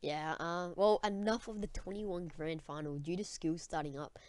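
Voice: mid-range voice, fairly even intonation, moderate pace. A young student with an Australian accent hosting a casual sports chat podcast in matey, slangy talk. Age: teenager or young student. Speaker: podcast host.

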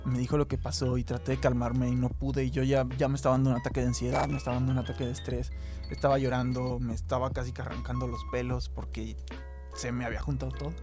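A man's voice: medium pitch, level tone, fast, over music. Mexican young man telling a story. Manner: emotional storyteller who acts out quoted lines. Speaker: podcast co-host. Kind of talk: casual chat.

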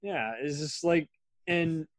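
A man hosting a podcast in casual chat, relaxed and talkative, laughing often. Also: fairly high pitch, slow, no echo. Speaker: podcast host.

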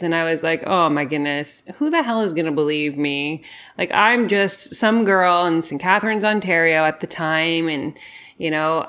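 A woman's voice: on the low side, a bit bright. A woman hosting a podcast, speaking informally and emphatically in an effusive, conversational storytelling style about spiritual matters. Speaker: podcast host.

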